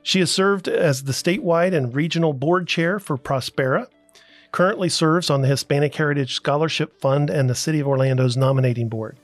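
Soft music plays behind a Florida man hosting a podcast, his voice on the high side. He takes his time in laid-back talk-show conversation, often saying "uh" and restarting his sentences.

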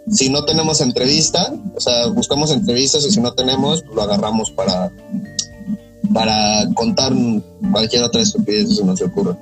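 A man's voice: mid-range voice, fairly even intonation, moderate pace, low-quality recording. Mexican man chatting casually over guitar music. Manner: informal, slangy. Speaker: podcast host. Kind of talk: casual chat.

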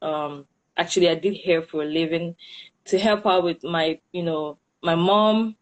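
A woman's voice: lowish voice, a little slow, rough recording. A woman from Cameroon with a Cameroonian accent, talking casually as an interview guest and often repeating and rephrasing as she goes. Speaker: interview guest, hairstylist and entrepreneur.

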